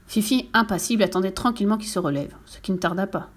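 A woman narrating a children's storybook with a lively, expressive reading. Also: medium pitch, fast talker.

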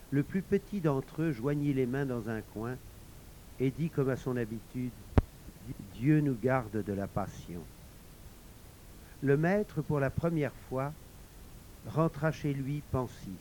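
A man narrating a folk tale in a measured, expressive storytelling voice. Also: medium pitch, a little hiss or hum, poor audio.

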